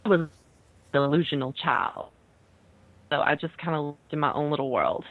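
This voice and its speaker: A woman's voice: deep voice, normal speed, no echo. A woman from Texas with a Southern drawl, calling in as a guest over a bad connection that keeps cutting out. She talks casually and hesitantly, full of "like" and "kinda". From Texas, USA. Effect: bad connection, phone-line audio cutting out. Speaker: call-in guest. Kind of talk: casual chat over a call. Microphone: remote call. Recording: dry, tinny phone line.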